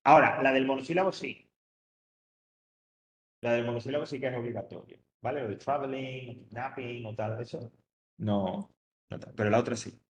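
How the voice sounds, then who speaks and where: Male teacher, patient, repeats points, mid pitch, roomy classroom echo. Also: normal speed, long pauses, a little hiss or hum. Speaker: English teacher. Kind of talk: classroom explanation.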